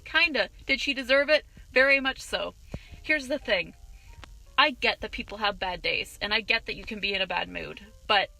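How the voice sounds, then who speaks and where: Young woman ranting in a bright voice. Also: mid-range voice, normal speed, gravelly, faint music behind, rough recording. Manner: profane, indignant, animated retelling. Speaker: vlogger, cashier. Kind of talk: ranting vlog storytelling.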